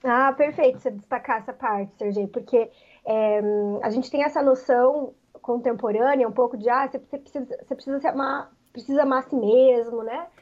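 A woman author answering interview questions in a reflective way, pausing often with filler words. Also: sits high, fairly even intonation, slightly rough, muffled recording. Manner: reflective, many pauses and "né" fillers.

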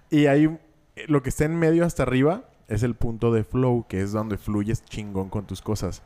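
A man's voice: medium pitch, fairly even intonation, unhurried, dark tone. A man in his thirties with a Mexican accent, co-hosting a podcast, telling stories in slangy casual chat. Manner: slangy, storytelling, swears casually. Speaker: podcast co-host.

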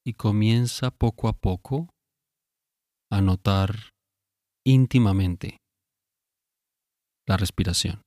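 A man with a fairly low voice guides a sleep meditation, calm and soothing, giving unhurried instructions separated by long pauses. The recording is dry and of studio quality.

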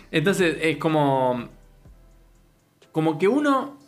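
A man's voice: fairly high pitch, big pitch swings, very slow, faint music behind. A man with a Rioplatense Spanish accent co-hosting a casual podcast, thinking aloud and searching for words. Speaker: podcast co-host. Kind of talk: casual chat.

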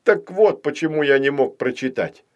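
A man voicing an excitable, boastful little boy doll in a children's audiobook, loud and eager. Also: medium pitch, moderate pace, natural voice. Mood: excited.

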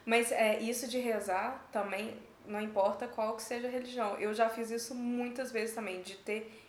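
A woman in a casual chat, expressive and quick to react. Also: on the high side, a little hiss or hum. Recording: roomy echo.

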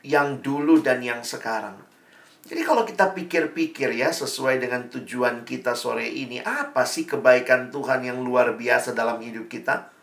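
A man's voice: medium pitch, fairly bright tone, echoey room. A man preaching a sermon in a conversational, storytelling manner with rhetorical questions. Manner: calls himself [name].

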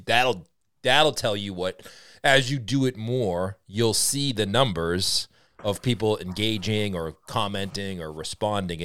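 A man with a Boston accent hosts a podcast, firing off quick, curious questions. His voice sits low and moves at a fast pace. The recording is close and dry. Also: a bit bright, no room sound. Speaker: podcast host. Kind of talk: casual podcast conversation.

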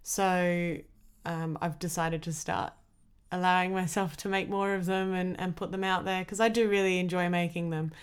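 An Australian woman, a comedian, chatting casually as a podcast guest, talkative and animated in her storytelling. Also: lowish voice, normal speed, smooth. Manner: chatty, with lively acted-out quotes.

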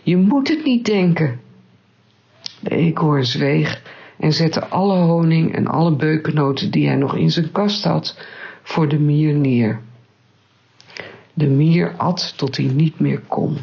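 Slow gravelly woman reading a story. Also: low-pitched, steady tone, lo-fi sound.

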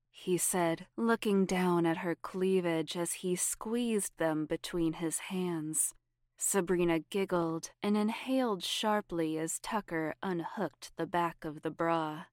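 A woman reading a scripted adult story aloud, slow and soft, sometimes dropping to a whisper. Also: lowish voice, no room sound, clean studio sound. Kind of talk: scripted erotic story narration.

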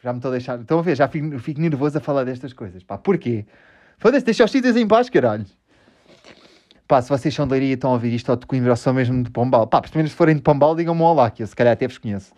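A man's voice: medium pitch, rapid-fire, mellow. A man with a European Portuguese accent hosting a casual podcast, rambling, joking at his own expense and swearing a lot. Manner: rambling, self-mocking, swears often. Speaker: podcast host.

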